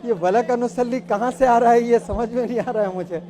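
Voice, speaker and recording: A man teaching a student to recite, encouraging her and tossing in quick English prompts. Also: very high-pitched, steady tone, mellow.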